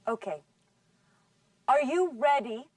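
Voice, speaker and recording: A woman teaching an English class, speaking slowly and carefully enunciating so students can follow. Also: sits high, animated, dry recording, far from the mic. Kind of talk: scripted language lesson.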